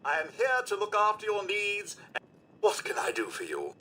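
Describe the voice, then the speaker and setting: A courteous game robot butler, formal and eager to serve. The voice sits high and bright, with big, sweeping pitch leaps on every phrase. Faint noise hums underneath. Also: male voice, huge pitch swings, normal speed, full character voice. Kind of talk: video game voice acting.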